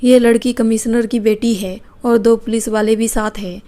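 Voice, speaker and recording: Woman narrating with a flat, mellow tone. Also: fairly high pitch, moderate pace. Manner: steady, even storytelling. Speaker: storyteller. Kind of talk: scripted narration.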